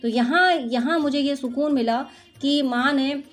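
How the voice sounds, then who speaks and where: A woman's voice: sits high, unhurried, soft background music. A woman doing an intuitive spiritual reading for her viewers, talking in a soothing, motherly, reassuring way. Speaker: spiritual card reader.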